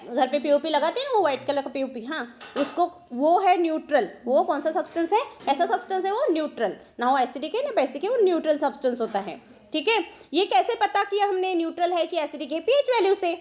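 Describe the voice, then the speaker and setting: A woman teacher giving a science lesson, explaining step by step, asking questions and answering them herself. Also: very high-pitched. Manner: explains step by step, asks and answers her own questions, mixes English terms. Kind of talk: classroom science lecture.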